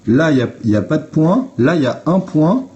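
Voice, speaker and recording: A man's voice: fairly high pitch, big pitch swings, fairly quick, dark tone, highs cut off. A man on a phone livestream, talking to viewers in a blunt, informal way and explaining step by step. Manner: blunt, informal, swears, addresses viewers directly. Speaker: livestream host. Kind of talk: casual explanatory livestream talk.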